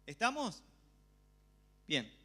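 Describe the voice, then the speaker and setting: A man with an Argentine accent preaching a church sermon, telling a personal story with lively, acted-out reactions. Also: high-pitched, very slow, slightly rough. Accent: Argentine Spanish. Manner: animated storytelling, acting out his own past reactions.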